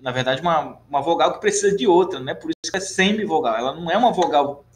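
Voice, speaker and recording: A man's voice: on the high side, lively intonation, fast talker, roomy sound. A man with a Brazilian Portuguese accent teaching a recorded lesson in a chatty, encouraging way, asking questions and then answering them himself.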